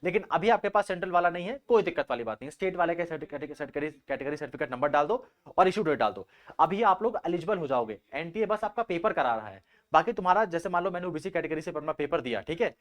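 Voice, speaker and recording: A man's voice: on the high side, animated, fast. A young man teaching students about exam form filling in a casual, repetitive, explanatory way, often calling them bhaiya.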